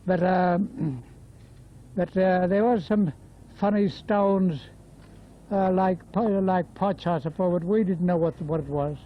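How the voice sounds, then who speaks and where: High-voiced old Australian man, in his nineties. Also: slow. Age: 90s. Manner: old man's rambling, repetitive storytelling. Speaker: interviewee, former bush labourer. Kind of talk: casual oral history reminiscence. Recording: dull lo-fi field interview tape.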